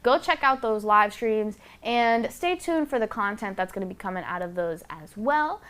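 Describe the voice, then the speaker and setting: A woman's voice: medium pitch, expressive, moderate pace, fairly bright tone, smooth. A woman hosting a casual solo podcast, talking candidly and bluntly and swearing freely into a close microphone. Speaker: podcast host.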